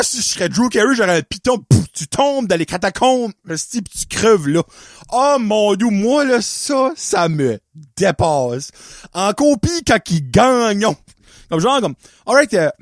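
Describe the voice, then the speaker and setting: A man's voice: sits high, no room sound, studio quality. A man with an Acadian French accent hosting a podcast in casual chat, rambling, swearing freely and wandering off on tangents. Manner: rambling, profane, goes off on tangents. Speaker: podcast host.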